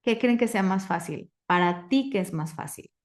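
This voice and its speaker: A woman, coaching a live group, asking the audience questions and reciting clearing phrases. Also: mid-range voice, lively intonation, moderate pace. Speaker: facilitator.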